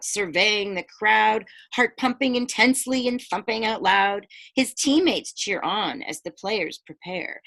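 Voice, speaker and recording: A woman teacher with a medium-pitched voice expressively reads a picture book to kids. Along the way she chats with them, explaining parts of the story and asking them questions.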